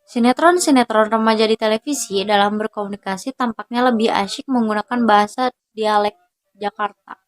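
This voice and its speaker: A young woman student reading her part of a group class presentation aloud, steady and careful, pausing between list items. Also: mid-range voice.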